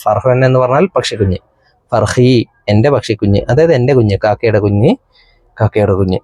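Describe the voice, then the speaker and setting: A man teaching an Arabic exam paper, reading each line slowly and then translating it for young pupils. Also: on the low side, a little mellow, no echo. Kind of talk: exam paper walkthrough lesson.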